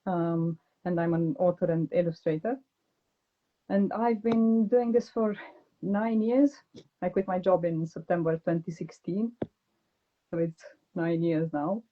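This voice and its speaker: A woman's voice: fairly low pitch, fairly even intonation, measured pace, muffled recording. A woman from Romania, a guest illustrator, giving brief, polite answers in an interview over a video call.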